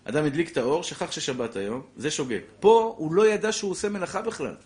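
A man teaching a lively religious law lesson to a class, repeating his points and acting out little scenes. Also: a little high. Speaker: Torah teacher.

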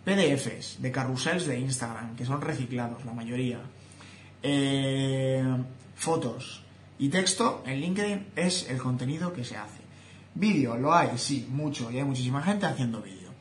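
A man's voice: medium pitch, unhurried. A young man with a Spain Spanish accent talks straight to his viewers in a casual vlog monologue. His views come out blunt and opinionated. The room around him rings a little, with a faint hum of ambience behind. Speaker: social media content creator. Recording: roomy echo, faint ambience.

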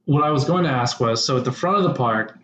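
A man co-hosts a casual podcast chat, talking fast in a mid-range, fairly bright voice as he rambles, teases, and often cuts himself off mid-thought. The recording is roomy and dull, with a lo-fi quality and slight background noise.

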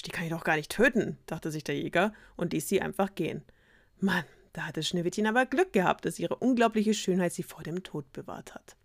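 Woman storyteller, lowish voice, dry close sound, ironic and slangy. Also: creaky, a little mellow, no echo. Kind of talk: casual fairy-tale retelling.

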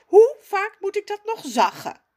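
A woman's voice: extremely high pitch, sing-song, measured pace, dark tone, pitched above the performer's own voice, exaggerated voice. A woman voicing Jacques, a pompous, posh male cousin in a storybook who talks down to others and teases. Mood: snooty. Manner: posh, condescending, mocking. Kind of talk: storybook character voice.

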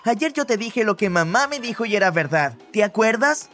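An actor voices an insistent older brother passing on orders to his sister. The voice is mid-pitched and plain. Faint music plays underneath. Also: expressive, normal speed, a bit bright, natural voice. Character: older brother, young, bossy.

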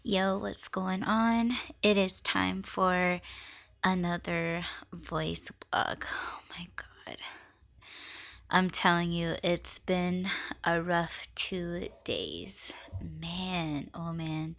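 Sick and sounding raspy and weak, a young woman chats haltingly on her podcast voice blog, using many fillers. Her voice sits on the low side with a slightly bright quality.

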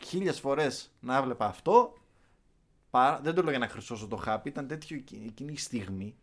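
Excited man telling a stadium story. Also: medium pitch. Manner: excited storytelling, acts out chants and shouts. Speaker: podcast guest recounting a match trip. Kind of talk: casual chat.

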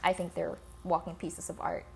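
A woman's voice: fairly low pitch, monotone, moderate pace, darkish tone, slight background noise. A woman from the Philippines hosting a casual, informal solo podcast, recorded on a phone with scratching in the background. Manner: informal, swearing, addresses listeners as guys. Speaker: podcast host. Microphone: iPhone.

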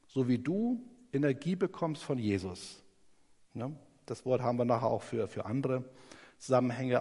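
A man giving a conversational Bible teaching sermon, lively and animated, often ending his points with a quick tag question. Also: medium pitch. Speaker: preacher. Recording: long hall reverb.

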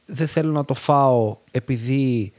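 Man, podcast host, mellow tone, casual chat, hesitant fillers. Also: medium pitch. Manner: interjects, thinks aloud with hesitant fillers.

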